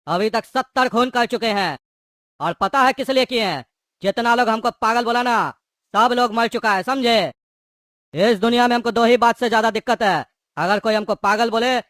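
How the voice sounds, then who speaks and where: A man's voice: high voice, a bit bright, no echo, clean studio sound. A voice actor playing a hot-tempered male gangster in a cartoon, taunting and threatening. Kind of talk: cartoon voice acting.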